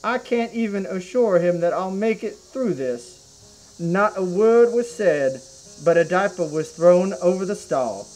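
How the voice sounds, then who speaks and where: A man's voice: high voice, rough recording. A man with a Southern US accent reads a humorous story aloud in a theatrical, earnest storytelling manner. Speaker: reader of humorous reviews. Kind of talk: comic dramatic story reading.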